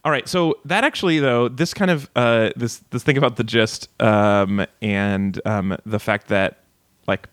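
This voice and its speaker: Playful low-voiced man hosting a podcast. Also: a bit bright, no room sound. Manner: playful, explains at length. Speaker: podcast host. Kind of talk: casual chat.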